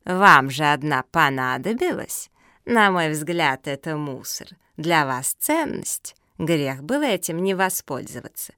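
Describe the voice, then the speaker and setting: A woman putting on a crafty old tortoise lady from a storybook, her voice pushed low and heavy. She drawls each word slowly and talks down to everyone around her. The recording is dry and close. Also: big pitch swings, pushed and bright, clean tone, no echo, heavily acted. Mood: smug. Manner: slow, drawling, condescending. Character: old, smug, cunning female tortoise.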